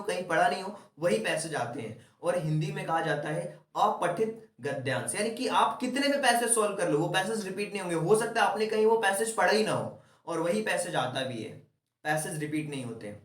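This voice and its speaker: A man's voice: high voice, fairly bright tone, distant mic. Young male teacher, echoey room. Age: young adult. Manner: chatty and coaching, mixes English terms into Hindi. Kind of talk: exam-prep lesson. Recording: echoey room, voice set back from the mic.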